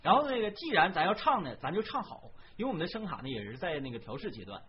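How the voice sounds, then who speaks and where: A man hosting a casual livestream, loud, playful and laughing often. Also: high-pitched, very animated, fast talker, slight background noise. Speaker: livestream host. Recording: dull lo-fi stream audio.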